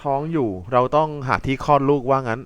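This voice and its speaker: A man hosting a let's play, talking excitably over the game and yelping and swearing when things get tense. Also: medium pitch, fast, clean tone, no echo. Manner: excitable, yelps and swears in panic. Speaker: gaming channel host.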